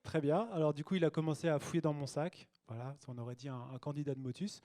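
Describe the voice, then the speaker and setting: A young man doing stand-up in a small cabaret, his voice sitting a little high for a man. He talks in a cheeky, loose, chatty way, full of fillers and asides to the crowd. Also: fairly even intonation, fast, warm tone. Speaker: stand-up comedian. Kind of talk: stand-up routine. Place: small cabaret stage with a live audience.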